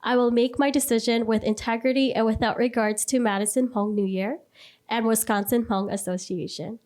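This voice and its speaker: Woman reading out a formal oath, fairly high voice. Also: fairly even intonation, normal speed, a little mellow. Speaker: official administering an oath.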